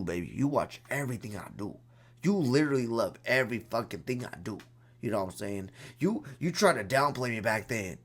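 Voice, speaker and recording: Man streamer, crash-out rant to chat, pitch jumping all over, goes from shouting to mumbling. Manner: profane, swings from shouting to low mutters; repetitive, talks straight to viewers. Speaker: livestreamer.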